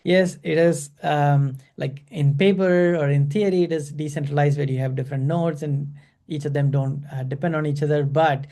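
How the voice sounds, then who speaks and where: A man leading an online class over a video call. His voice is gravelly and mellow and sits a bit high for a man. He talks in a halting way, full of fillers and restarts. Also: steady tone. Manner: hesitant, many fillers and restarts. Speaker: instructor.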